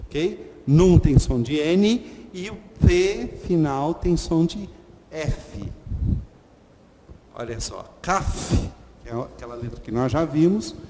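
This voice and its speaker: A man teaching a lesson slowly and patiently, repeating sounds and checking in with "ok?". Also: fairly high pitch, darkish tone. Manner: slow, patient, repeats letter sounds, frequent "ok?". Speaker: Hebrew teacher. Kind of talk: online lesson at a whiteboard. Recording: long reverb and faint noise.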